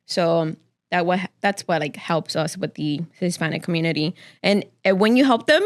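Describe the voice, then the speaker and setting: A woman's voice: on the low side, normal speed, no room sound. A woman from the Dominican Republic co-hosting a casual podcast, speaking earnestly and often repeating herself. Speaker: podcast co-host.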